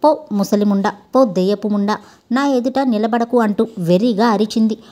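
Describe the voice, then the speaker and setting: A woman's voice: mid-range voice, normal speed, mellow, close to an everyday voice. A woman voicing a grieving, proud young village woman who speaks curtly in a storybook reading. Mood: distraught.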